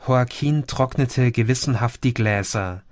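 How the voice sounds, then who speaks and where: Calm male audiobook narrator, dry sound. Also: mid-range voice, no room sound. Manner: calm, measured storytelling. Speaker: audiobook reader. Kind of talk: scripted narration.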